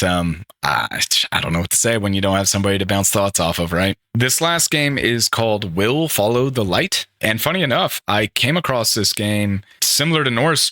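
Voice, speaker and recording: A young man hosts a solo gaming podcast, rambling enthusiastically about the games and often correcting himself mid-thought. His voice is on the low side with a sharp tone, recorded at studio quality with no room sound.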